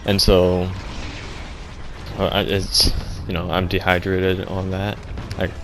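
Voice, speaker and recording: A young man with a very low voice tells a ridiculous story in a flat, deadpan way. He rambles and stumbles, restarting his sentences often. A faint ambient hum sits behind him. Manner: rambling, halting, full of restarts and fillers. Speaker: vlogger.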